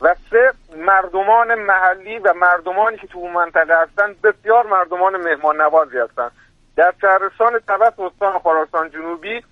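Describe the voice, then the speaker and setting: A man with a thick Birjandi accent speaks over a tinny phone line in a high voice. He sounds formal, courteous and eager to explain. The sound is dry and close. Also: no echo. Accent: Birjandi Persian. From Birjand, Iran. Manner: formal, polite, enthusiastic explainer. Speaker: guest expert, university lecturer. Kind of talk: radio talk by phone.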